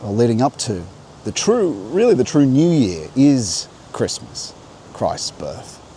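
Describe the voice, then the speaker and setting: A man hosting a reflective spiritual vlog, speaking slowly and meditatively with soft laughs while outdoors in a coastal national park. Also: mid-range voice, huge pitch swings, a little hiss or hum. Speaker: host. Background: crickets and insects.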